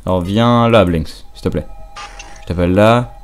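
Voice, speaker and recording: A young man giving casual, halting let's play commentary, muttering to himself as he plays. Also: low-pitched, clean tone, soft background music. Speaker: gamer commenting on own play.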